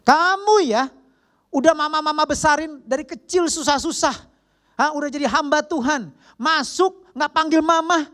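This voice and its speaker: A man's voice: normal speed, fairly bright tone. A man mimicking a nagging scolding mother. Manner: shrill scolding.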